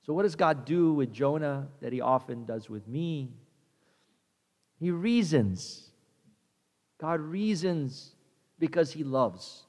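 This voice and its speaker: A man's voice: a little high, animated, slow, pauses often, darkish tone, long reverb tail. A male pastor preaching a conversational sermon, repeating himself and acting out the characters.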